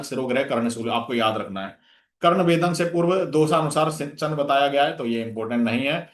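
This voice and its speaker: A man's voice: fairly high pitch, reverberant. A man giving a revision lecture for an exam, listing terms with memory tricks and checking in with "theek hai" again and again. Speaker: exam coaching teacher.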